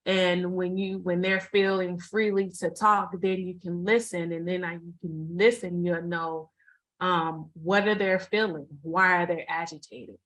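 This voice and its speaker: A woman with a somewhat low voice talks through practical advice as a guest speaker on a video call. Her delivery is informal and halting, full of fillers and restarts, and she often repeats a phrase before moving on. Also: fairly even intonation, fairly bright tone, rough recording. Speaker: mental health first aid responder, guest speaker. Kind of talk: informal presentation to an online group.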